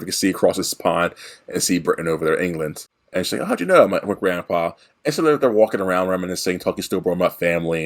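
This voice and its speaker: A man with a deep voice recaps a movie on a podcast in a loose, rambling way. He drops into quick, playful impressions of the characters as he goes. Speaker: podcast co-host.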